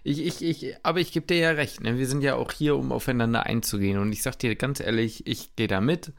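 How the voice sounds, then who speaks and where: A man's voice: mid-range voice, brisk, creaky. A young man in his twenties co-hosting a casual podcast, speaking loosely and hesitantly with frequent restarts. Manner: hesitant, loose and colloquial, stammers. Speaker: podcast co-host. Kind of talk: casual chat.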